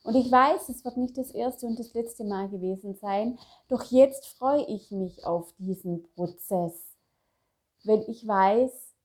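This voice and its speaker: A middle-aged woman coach giving a personal motivational talk, speaking affirmations softly and repeating them. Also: fairly high pitch. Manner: slow, soft, repeated affirmations. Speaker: self-help coach.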